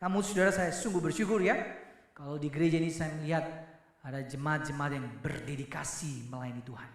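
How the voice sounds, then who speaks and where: A male pastor preaching a sermon in a church, animated and addressing the congregation directly. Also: fairly high pitch, brisk. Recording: echoey church hall.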